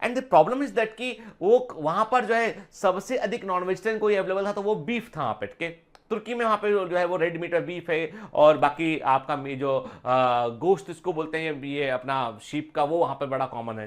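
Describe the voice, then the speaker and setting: A man's voice: sits high, normal speed. A man teaching biology in an online exam-prep lecture, chatty, mixing English phrases into his talk and telling personal stories.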